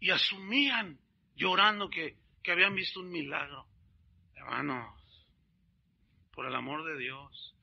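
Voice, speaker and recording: A man preaching a sermon as a pastor, telling stories in an animated way and calling his listeners brothers. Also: on the high side, unhurried, gravelly, pauses often, muffled recording.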